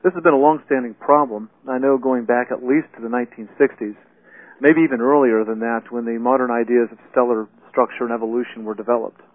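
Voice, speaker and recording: A man's voice: medium pitch, steady tone, fairly quick, no room sound. Man lecturing through phone-like, narrow sound. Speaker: physics professor as expert interviewee. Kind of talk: explanatory science interview.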